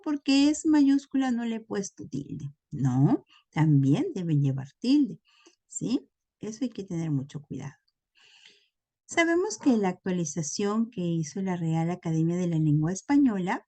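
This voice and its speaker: A woman's voice: mid-range voice, mellow. A woman teaching a recorded lesson, explaining patiently and often checking in with her listeners. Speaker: language teacher.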